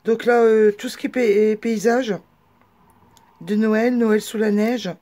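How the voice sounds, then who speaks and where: Mellow-voiced woman chatting casually. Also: fairly high pitch, fairly even intonation, slow pace. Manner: chatty, hesitant with many fillers. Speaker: craft vlogger. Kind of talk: casual show-and-tell video.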